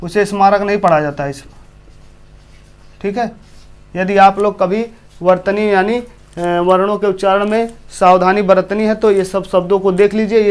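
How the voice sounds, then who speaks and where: In a high, clean voice, a man with a Hindi accent from eastern Uttar Pradesh teaches a class. He often repeats himself and puts questions to his students.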